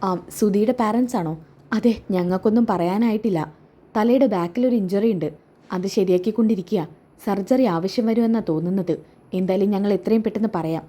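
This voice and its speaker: A woman voicing a matter-of-fact male doctor who speaks in a flat, businesslike way. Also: medium pitch, fairly quick, lightly acted.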